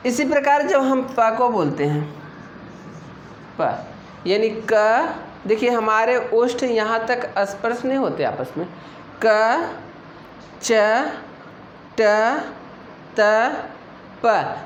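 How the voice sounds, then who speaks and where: A woman teaching an exam-prep Hindi lesson, explaining slowly and patiently and asking her students questions as she goes. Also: on the high side. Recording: echoey room with faint noise.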